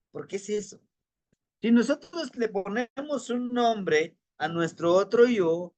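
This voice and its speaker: Slow, gentle man teaching. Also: high-pitched. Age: 40s. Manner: gentle, reflective, many rhetorical questions. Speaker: spiritual teacher. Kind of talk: guided spiritual lesson.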